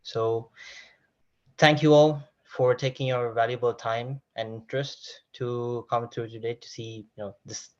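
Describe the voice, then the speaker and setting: A man's voice: medium pitch, fairly even intonation, measured pace, dull audio. A man from Sri Lanka introduces himself on a video call, polite and formal. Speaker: product manager.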